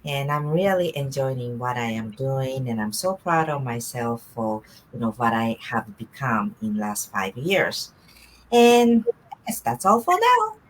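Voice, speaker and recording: A woman's voice: extremely low pitch, sing-song, unhurried, slight background noise, rough recording. A middle-aged woman from Japan, proudly introducing herself as a business coach on a live video chat.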